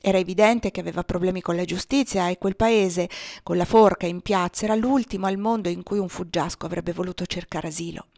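A woman's voice: lowish voice, fairly even intonation, brisk, creaky, darkish tone, no room sound, studio quality. A woman narrating a novel as an audiobook, reading expressively and dramatically. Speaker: audiobook reader.

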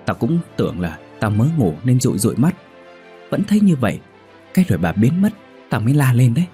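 A frightened young woman recounts a ghost sighting in a tumbling rush, her voice jumping up into alarmed cries, as a man reading a storybook puts her on. Soft music sits faintly underneath. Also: deep voice, expressive, moderate pace.

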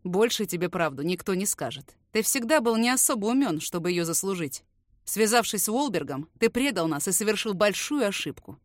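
A woman voicing a ruthless man who speaks in an even, dry, indifferent voice. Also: medium pitch, fairly quick, dry recording, natural voice. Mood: cold.

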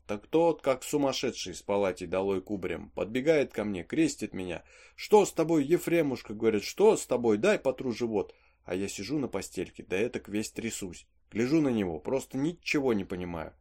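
A man's voice: mid-range voice, lively intonation, fairly quick, warm tone. A man reading aloud as a superstitious peasant servant, spinning a folksy tale full of asides. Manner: chatty folksy storytelling with asides. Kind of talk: audiobook reading of a play.

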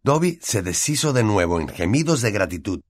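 Male narrator with a Latin American Spanish accent, low voice, measured audiobook reading. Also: slightly rough. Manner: measured, steady storytelling.

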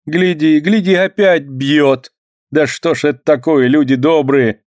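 A man's voice: high voice, expressive, normal speed, dry recording, clean studio sound, pitched above the performer's own voice. A man voicing an angry middle-aged village laundrywoman who scolds shrilly and hisses. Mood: indignant.

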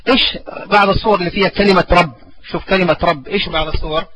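Bright-voiced man teaching a class. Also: sits high, steady tone, slight background noise, rough recording. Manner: repeats verses slowly for the pupil to follow; asks the pupil questions, then answers them. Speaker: religion teacher. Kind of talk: classroom lesson.

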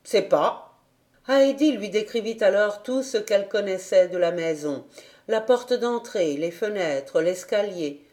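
A woman reading a children's novel aloud as an audiobook, in an expressive, measured way. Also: mid-range voice. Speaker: audiobook reader. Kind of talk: storybook narration.

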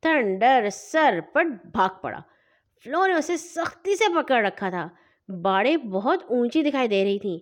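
A woman reading a children's story aloud in an expressive, lively way. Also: fairly high pitch.

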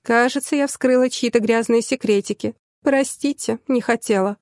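Woman doing smug teasing young secretary, audiobook, bit high, dry close sound. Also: normal speed, darkish tone, no room sound, natural voice. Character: sly mocking young female secretary.

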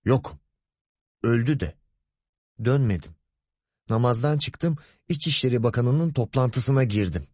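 A man's voice: mid-range voice, animated, measured pace, long pauses, darkish tone, dry recording, clean studio sound, pitched above the performer's own voice. A man voicing a pompous, lecherous middle-aged male boss in an audiobook, wheedling and bossy by turns. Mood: grumpy bossy. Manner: wheedling, grumbling, commanding.

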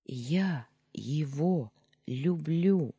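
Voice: medium pitch, big pitch swings, slow pace, mellow, slightly rough, no echo, exaggerated voice. A reader voicing a sad, troubled young woman. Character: troubled young woman, first-person heroine. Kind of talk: audiobook character reading.

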